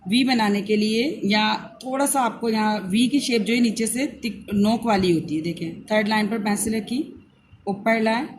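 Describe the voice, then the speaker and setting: Slow, patient woman teaching letters. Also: medium pitch, a little hiss or hum. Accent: Pakistani Urdu. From Pakistan. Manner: slow, repetitive step-by-step instruction. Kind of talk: handwriting and phonics lesson for young children.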